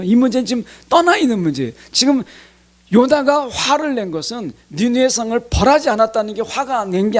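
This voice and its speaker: Middle-aged man, pastor, sermon delivery; breathy voice that swoops all over the place. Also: very high-pitched. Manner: addresses the congregation directly, acting out complaints to God in quotes.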